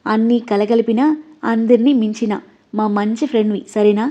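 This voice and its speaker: A woman's voice: a little high, level tone, moderate pace, lightly acted. A woman reading the lines of a playful, teasing young man in a story. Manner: playful, coaxing. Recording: dull lo-fi audio.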